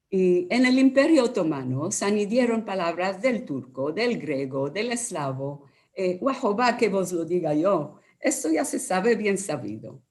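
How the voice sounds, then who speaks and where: A woman with a Moroccan Judeo-Spanish Haketia accent, explaining carefully with many pauses as an interview guest. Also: fairly low pitch. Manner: measured, with many hesitations and lively quoted voices.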